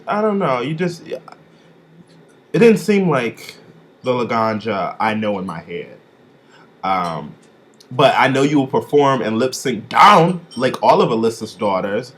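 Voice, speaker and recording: A young man from Chicago giving a casual, sassy vlog review, with swooping, expressive emphasis on his catchphrases. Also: medium pitch. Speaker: vlogger reviewing drag contestants.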